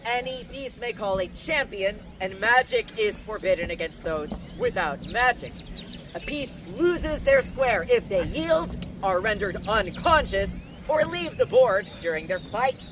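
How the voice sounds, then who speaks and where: An actor playing a stately High King presiding over a trial, with formal archaic speech on a faire stage. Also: very animated, measured pace. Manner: declamatory, formal. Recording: noisy outdoor faire, traffic and animals.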